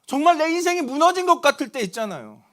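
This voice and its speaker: A young man preaches to a youth group, telling stories with animated swings between loud and hushed. His voice sits high and moves widely in pitch. The tone is bright and sharp. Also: fast talker. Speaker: youth pastor. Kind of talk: sermon.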